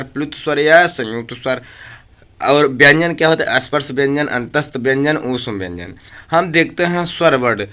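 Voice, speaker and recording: Bright-voiced man teaching a lesson. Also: medium pitch. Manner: drills with repeated questions and answers; draws out vowel sounds to demonstrate. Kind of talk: exam-prep grammar lesson.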